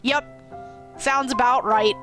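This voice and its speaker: A woman with a slightly high voice chats casually while she plays, joking and laughing at the story. Game music plays faintly under her talk. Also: fairly even intonation, takes it slowly, fairly bright tone. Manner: chatty, joking, often laughing. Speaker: streamer. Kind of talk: casual gameplay commentary.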